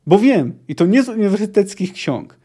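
A man's voice: high-pitched, very animated, moderate pace, dark tone, husky, pitched above the performer's own voice, exaggerated voice. A man reading as a bitter young witcher girl. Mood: bitter defiance. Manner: clipped and scornful. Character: fierce young female witcher, bitter and vengeful.

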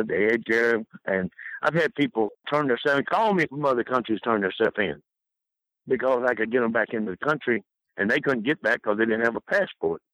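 Bright-voiced man telling stories. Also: medium pitch, dry recording, poor audio. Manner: folksy, colloquial storytelling. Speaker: interview guest telling career stories. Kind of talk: rambling anecdotal casual talk.

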